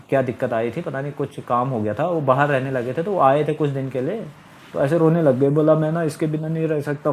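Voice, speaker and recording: Middle-aged man, slightly high voice, rambling monologue, repeats himself, aggrieved tone. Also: darkish tone. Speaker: storyteller recounting his marriage. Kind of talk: casual spoken monologue.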